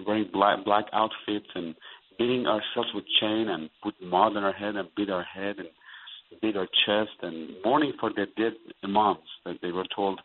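Man from Iran, low voice, earnest and halting, phone-line sound. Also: a little hiss or hum. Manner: earnest, halting with many fillers. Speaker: pastor and interview guest. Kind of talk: phone interview.

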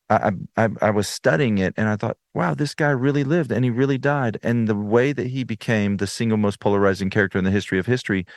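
Male guest, thirties, deep low voice, earnest storyteller who restarts often, dry close sound. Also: no echo. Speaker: interview guest. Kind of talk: personal testimony in conversation.

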